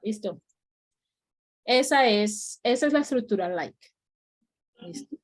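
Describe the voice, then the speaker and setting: A woman's voice: mid-range voice, darkish tone. Patient woman teaching a class. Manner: patient, checks understanding often. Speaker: English teacher. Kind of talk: online class explanation.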